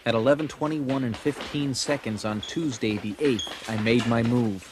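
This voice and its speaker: An American actor, playing a grown man, delivers scripted first-person narration recalling his boyhood crush in a wry, nostalgic, dramatic style, earnest yet wry in mood. His natural, mid-range voice moves at a moderate pace over heavy background noise.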